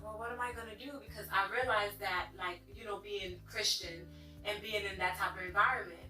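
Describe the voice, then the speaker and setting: A woman's voice: mid-range voice, bright, forceful tone. A woman in her twenties, a salon owner and interview guest, speaking earnestly in casual chat with filler words. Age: 20s. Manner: earnest, talks in 'like' and 'you know' fillers. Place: hair salon. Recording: echoey room, mic at a distance, faint music.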